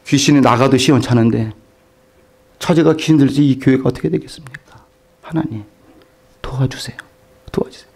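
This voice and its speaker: A middle-aged male pastor telling a story in a sermon, acting out the voices in it and putting questions to the congregation. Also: mid-range voice. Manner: animated, acts out quoted voices, asks the congregation questions.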